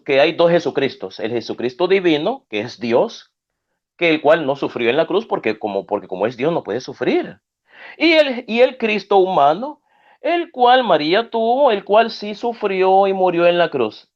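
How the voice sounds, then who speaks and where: Man, debate rebuttal, emphatic, scornful, muffled lo-fi sound. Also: a little high.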